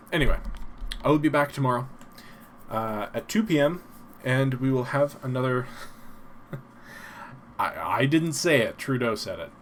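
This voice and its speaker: Soft breathy guy doing a slow old-timey radio announcer thing on a casual livestream, rambly, bit of background noise. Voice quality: soft, low-spoken, breathy. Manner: rambling, self-deprecating. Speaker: live stream host. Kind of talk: casual live-stream chat.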